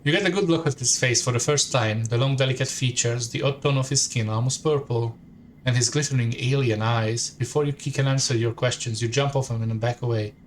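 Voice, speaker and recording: A man's voice: medium pitch, brisk, slight background noise. A man streaming a story game, reading the text aloud in second person and adding casual asides.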